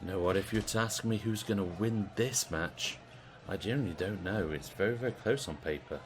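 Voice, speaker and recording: A British man giving casual play-by-play commentary on a video game wrestling stream, chatty and relaxed. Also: low voice, fairly quick, noisy background. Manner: chatty, relaxed, asks the audience.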